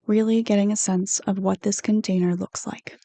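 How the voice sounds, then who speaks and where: Gentle, scripted instructions come from a woman leading a meditation like a counselor. She sounds soothing and relaxed, never rushing, and keeps her pitch steady. The audio is dry and close-miked, with no reverb from the room.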